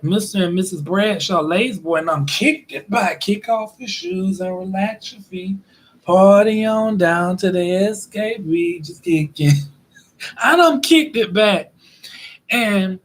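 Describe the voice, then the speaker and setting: A man telling a comic story from his own day in a lively, animated way, dropping quiet asides between loud bursts. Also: high voice, slightly rough, low-quality recording. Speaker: storyteller vlogger. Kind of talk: comedic storytelling.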